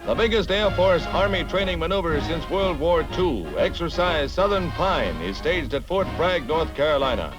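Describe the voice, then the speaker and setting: Brisk 1950s newsreel announcer, man. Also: fairly high pitch, expressive, rough recording. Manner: brisk, punchy announcer delivery. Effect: old 1950s newsreel sound. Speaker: newsreel narrator. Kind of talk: scripted newsreel narration. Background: newsreel music.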